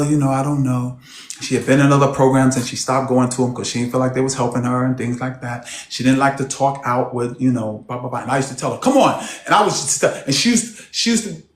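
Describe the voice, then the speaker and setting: A man coaching a group on a video call, preaching emphatically and swinging between loud and soft. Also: medium pitch, expressive, a little fast. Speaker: personal development coach. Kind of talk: motivational group coaching session. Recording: roomy echo on a call.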